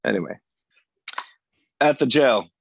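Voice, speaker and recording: A man's voice: mid-range voice, expressive, slow, vocal fry, husky, no echo. A man co-hosting a podcast, recapping the plot of a TV episode in long, casual runs and laughing easily. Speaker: podcast co-host.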